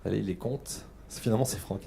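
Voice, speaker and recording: A man's voice: fairly low pitch, fast talker, gravelly, dark tone, breathy edge. A man hosting a live radio show at a festival, announcing guests, times and venues with a light, joking manner. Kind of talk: live festival broadcast interview.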